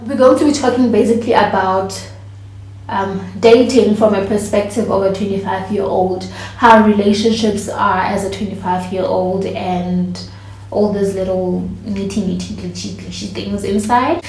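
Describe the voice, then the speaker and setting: A woman's voice: mid-range voice, steady tone, moderate pace, darkish tone. A woman, chatting casually to camera as a vlogger and laughing often. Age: 20s. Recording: echoey room.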